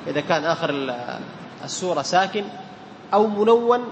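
A man teaching the rules of Quran recitation to a class, quizzing his students and repeating key terms, chanting the verse examples slowly. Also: a little high, expressive, long reverb tail, lo-fi sound, a little hiss or hum.

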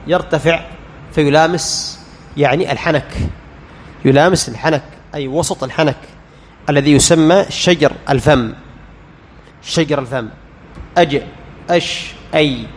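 A man teaching Quran recitation as a lecture. He quizzes the class, answers his own questions and sounds out letters slowly. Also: a little high, big-room sound, a little hiss or hum.

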